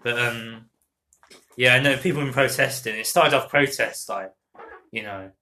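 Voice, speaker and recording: Bright-voiced man explaining loosely. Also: mid-range voice, normal speed. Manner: loose explaining, many fillers, trails off. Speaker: podcast co-host. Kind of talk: casual podcast chat.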